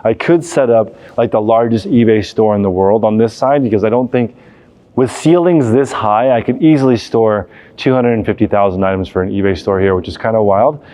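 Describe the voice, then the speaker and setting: Strolling through an empty warehouse, the man behind a reselling business chats informally for his vlog. His voice is on the lower side, warm in tone, and brisk.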